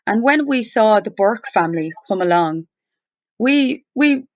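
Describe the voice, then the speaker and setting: A woman speaking over the phone, challenging someone in an insistent, deliberate, argumentative way. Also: a little high, lively intonation. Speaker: complainant challenging a journalist. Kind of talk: confrontational phone conversation. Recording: muffled, roomy recorded phone call.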